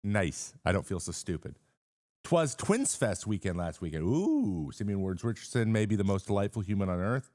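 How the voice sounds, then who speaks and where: A man in his thirties hosts a casual sports live stream, talking in a low, deep voice. He rambles, restarts his sentences and greets viewers by name. The sound is dry and close, with no room echo. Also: expressive, fairly quick, a little mellow.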